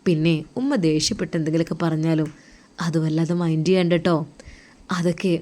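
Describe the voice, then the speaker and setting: A woman voicing a tender young husband far from home who gently consoles his crying wife in a told story. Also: lowish voice, lightly acted. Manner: gentle, coaxing, soothing. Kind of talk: storytelling role-play.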